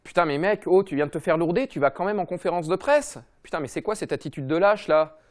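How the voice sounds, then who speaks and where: A man tears through a comic rant at breakneck speed. His voice sits a little high, and his delivery is mocking and slangy. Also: expressive. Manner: mocking, slangy, rapid-fire. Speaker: comedy football podcast host.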